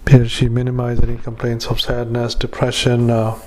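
A man, a doctor, dictating a clinical note into a dictaphone, halting often with fillers and spelling out words. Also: mid-range voice, monotone, warm tone, slight background noise, low-quality recording. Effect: dictaphone recording. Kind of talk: medical dictation.

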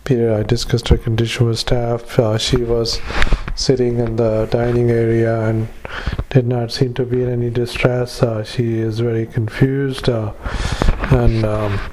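Male clinician, dictaphone dictation, monotone, halting with fillers, reads punctuation aloud. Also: medium pitch, noisy background. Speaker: psychiatric clinician.

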